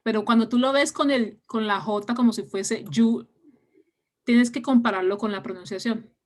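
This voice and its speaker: A woman's voice: a little high, steady tone, normal speed, a little mellow. Woman, English teacher, patient explaining, video call. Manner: explains patiently, mixing Spanish with English words. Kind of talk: online class explanation. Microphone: laptop mic on a video call.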